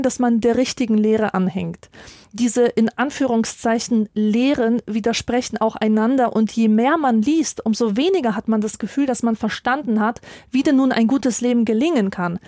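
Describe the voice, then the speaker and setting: Measured, dryly ironic woman narrator. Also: on the high side, a little mellow, dry recording, studio quality. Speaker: essay narrator. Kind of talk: scripted philosophical essay narration.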